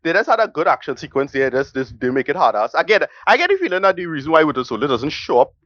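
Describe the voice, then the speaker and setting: A man rattles off his thoughts fast, tripping over repeated words as he chases the point. His voice sits a little high, and the sound is dry and dull, as if from a cheap remote mic. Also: big pitch swings, a bit bright, no echo. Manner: rapid, repeats words, stumbling restarts. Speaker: podcast co-host. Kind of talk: casual film review chat.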